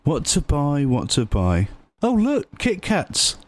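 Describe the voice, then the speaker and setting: A man's voice: fairly high pitch, huge pitch swings, takes it slowly, heavy background noise, heavily acted. A man acting a brash, mocking, easily alarmed character in a comedy sketch, exclaiming, teasing and swearing. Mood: excitable, chatty. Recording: music behind the voice.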